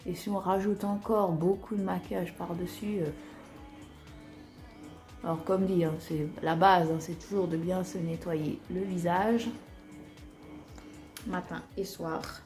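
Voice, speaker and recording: A woman's voice: on the low side, steady tone, measured pace, pauses often, darkish tone, roomy sound, soft background music. A woman with an Alsatian accent chatting casually through a makeup tutorial, talking while she applies her makeup, with lots of fillers. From Alsace, France. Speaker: beauty vlogger.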